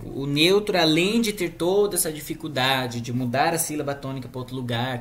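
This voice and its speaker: A woman with a Brazilian Portuguese accent teaching a language lesson in a casual, chatty way, checking in with her students often. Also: extremely low pitch.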